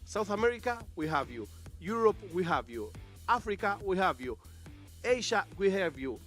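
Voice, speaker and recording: A man commentating live at an esports event. He talks with a lot of enthusiasm and repeats himself, and his phrasing sounds slightly non-native. Soft music plays in the background. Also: high-pitched, sing-song, normal speed. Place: esports tournament venue.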